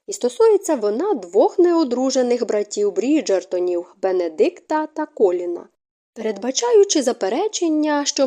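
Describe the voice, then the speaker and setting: Expressive woman reading an audiobook. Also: on the high side. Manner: expressive, lively storytelling. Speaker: audiobook narrator. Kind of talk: scripted audiobook narration.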